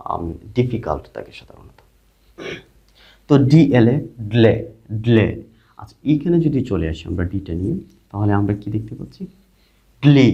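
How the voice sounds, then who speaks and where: A man teaching an English spelling and sound lesson online, asking questions and answering them himself, repeating each sound slowly. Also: on the low side, dark tone. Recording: dull lo-fi recording.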